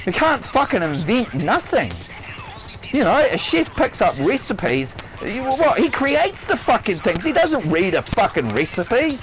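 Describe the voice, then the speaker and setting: High, wildly swooping ranting man. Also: big pitch swings, unhurried, a bit bright, faint music behind, rough recording. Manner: blunt, heavily profane, emphatic rant. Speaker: chef streaming live. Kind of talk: ranting livestream monologue. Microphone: console headset or stream mic.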